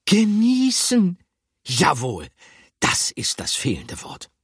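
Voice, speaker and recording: A man voicing a greedy, dreamy male mouse who longs for cheese, breathy and drawn out. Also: medium pitch, sing-song, unhurried, no echo, studio quality, pitched above the performer's own voice, exaggerated voice. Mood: enraptured.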